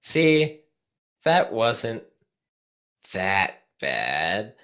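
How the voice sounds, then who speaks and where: A man's voice: lowish voice, wildly swooping pitch, drawn-out words, bright, forceful tone, exaggerated voice. A man voicing a whiny young male crook in a fan fiction read-along. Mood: coaxing. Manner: pleading, whiny.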